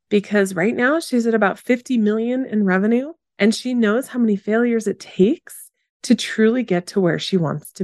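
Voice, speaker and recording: A woman's voice: mid-range voice, a little mellow, dry recording, clean studio sound. A woman in her forties hosting a solo motivational podcast for photographers. She talks in an upbeat, encouraging way, asks her listeners questions and laughs easily. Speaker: podcast host and business coach for photographers.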